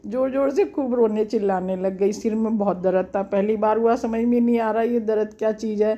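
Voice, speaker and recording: A woman's voice: medium pitch, steady tone, a little fast, dark tone. A middle-aged woman telling a personal memory in a homely, reflective, chatty way. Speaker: storyteller. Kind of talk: personal storytelling. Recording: dull lo-fi recording.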